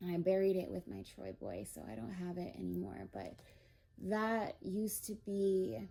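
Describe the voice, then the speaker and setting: A woman talks through a spiritual reading at an unhurried pace, her tone warm and mellow. She rambles with frequent fillers and grows openly emotional as she speaks. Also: on the low side. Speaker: tarot reader.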